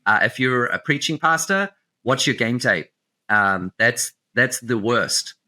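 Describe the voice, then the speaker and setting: A man's voice: mid-range voice, animated, a little slow, sharp tone. A man with an Australian or New Zealand accent, a company CEO giving earnest, practical advice as a guest in a casual interview, often restarting his sentences.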